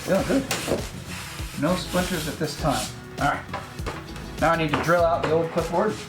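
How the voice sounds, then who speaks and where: A man's voice: fairly high pitch, moderate pace, reverberant, music in the background. Chatty man narrating a garage project. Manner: chatty and self-deprecating, explains steps as he works. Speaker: host of a DIY project channel. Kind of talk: casual workshop vlog narration. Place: home garage workshop.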